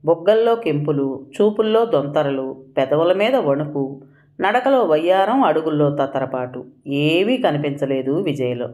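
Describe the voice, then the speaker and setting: A narrator reading a scripted audio story in an even, descriptive way. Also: medium pitch, moderate pace.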